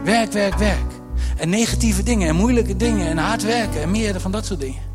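Animated high-voiced male preacher. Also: fairly quick, over music. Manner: lively, acts out quotes, jokes with the congregation. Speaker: pastor. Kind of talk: sermon.

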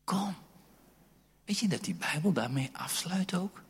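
Husky-voiced man preaching in a reverberant hall. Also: high voice, animated, a little slow. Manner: conversational preaching with asides to the congregation. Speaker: pastor. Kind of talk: sermon. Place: church hall with congregation.

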